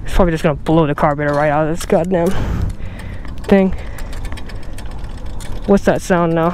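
Hurting and mocking himself, a young man swears his way through a casual outdoor vlog, talking to the camera through its built-in mic. His voice is on the high side with a darkish, steady tone, and he moves at a moderate pace over a slight background noise.

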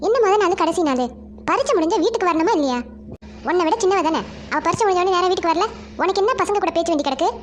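A woman's voice: very high-pitched, lively intonation, fast talker, faint music behind. A woman doing a nagging cartoon mother. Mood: scolding. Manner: nagging, sharp questions. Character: scolding middle-aged mother, stern and tired. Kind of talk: cartoon voice acting.

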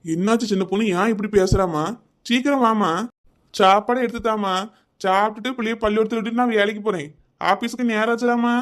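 A man's voice: sits high, fast talker, lightly acted. A man voicing a scolding, complaining middle-aged village husband in a cartoon comedy, with a Kanyakumari Tamil accent.

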